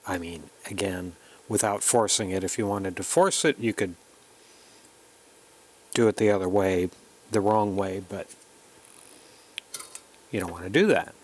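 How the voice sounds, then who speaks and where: The recording is poor, and the low-voiced man in it moves at a measured pace with long pauses. He's hosting a hands-on electronics kit tutorial, casually and plainly talking through each step while he works.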